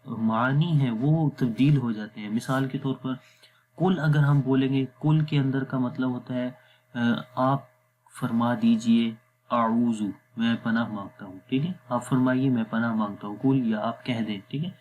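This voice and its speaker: A man teaching Quran recitation rules in a patient lesson, often checking whether the listener follows and slowing down to sound out Arabic words. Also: mid-range voice, fairly even intonation, phone-quality sound, slight background noise. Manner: patient, repeats "theek hai?" to check understanding. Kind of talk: explanatory lesson.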